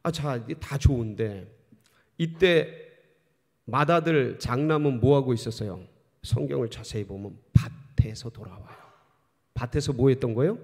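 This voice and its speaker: A middle-aged male pastor preaching a sermon in a church, telling the story with animated delivery. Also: mid-range voice, normal speed. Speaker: senior pastor. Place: church sanctuary. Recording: long church hall reverb.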